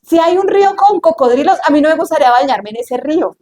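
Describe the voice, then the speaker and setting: Animated woman preaching. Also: high-pitched, quick pace. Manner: animated, acts out scenes in voices. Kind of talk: sermon. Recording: echoey church room.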